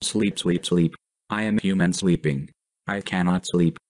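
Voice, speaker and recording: Deep flat robot staff bot. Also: measured pace. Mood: deadpan. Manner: flat monotone literal replies. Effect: robotic synthetic voice. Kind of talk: video game voice clip.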